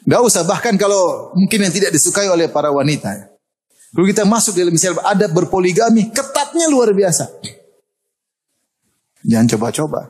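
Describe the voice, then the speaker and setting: A middle-aged man giving a lively sermon, joking and laughing often. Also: high voice, fairly quick, pauses often, breathy edge. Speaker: Islamic preacher.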